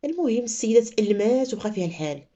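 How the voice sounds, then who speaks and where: A woman with a Moroccan accent narrating a story in an expressive storytelling style. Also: fairly high pitch, very fast. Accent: Moroccan Arabic.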